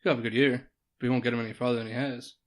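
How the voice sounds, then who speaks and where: A man with a middle-pitched voice joins a casual sports chat as a co-host. He jokes around and rattles off his fantasy football thoughts in quick bursts. His delivery is loose and playful. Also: little pitch movement.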